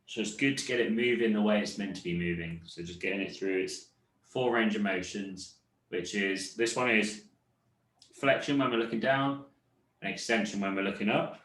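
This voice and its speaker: Man, fitness instructor, lowish voice, calm explaining, roomy echo. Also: a little fast. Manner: calm, explanatory, self-correcting. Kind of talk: leading a seated cool-down class.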